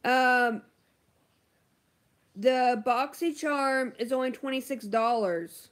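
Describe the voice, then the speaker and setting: Chatty beauty vlogger, a woman with a slightly high voice, talks slowly and casually to her viewers. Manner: chatty, lots of ums and likes, apologetic. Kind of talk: casual livestream chat, answering viewer comments.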